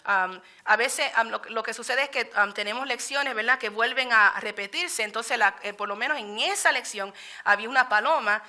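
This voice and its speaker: A woman's voice: a little high, normal speed, sharp tone. A woman leading a Bible study lesson in a church, talking conversationally and often asking the group if they agree. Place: church meeting room.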